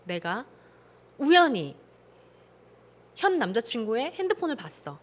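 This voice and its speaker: A woman hosting an advice show, reading a listener's story and reacting with indignant, animated commentary. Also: on the high side, a little slow. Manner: animated, indignant, acts out dialogue. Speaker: host giving advice on listener stories. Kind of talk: casual advice talk.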